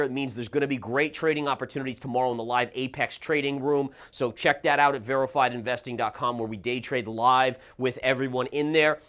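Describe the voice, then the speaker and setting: A man hosting a trading show, giving brisk live market commentary and reacting aloud as he reads the charts. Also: medium pitch, a bit bright. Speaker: market analyst host.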